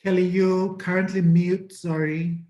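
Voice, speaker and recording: Session moderator, man; hesitant and polite, fairly high warm voice, roomy sound. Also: little pitch movement, measured pace.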